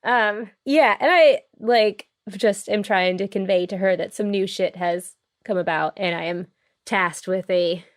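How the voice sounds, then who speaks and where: A woman's voice: mid-range voice, a little slow. A woman player in a tabletop role-play podcast, rambling and laughing often as she talks in character.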